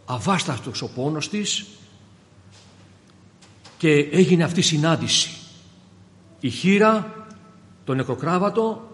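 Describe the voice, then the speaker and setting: A man preaching a sermon to his congregation, fervent and swinging from hushed passages to loud ones, often calling them brothers. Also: a little high, animated, pauses often. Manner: keeps addressing the congregation as brothers. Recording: long reverb of a large hall.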